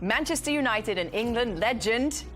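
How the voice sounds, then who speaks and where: A woman hosting a football talk show, delivering a lively introduction. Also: on the high side, moderate pace. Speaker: host. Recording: music bed underneath.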